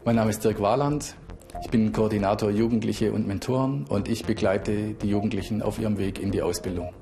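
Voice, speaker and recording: A man's voice: lowish voice, fairly even intonation, brisk, gravelly, music in the background. A man working as a youth program coordinator, talking encouragingly with some hesitations. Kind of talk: interview and workshop talk.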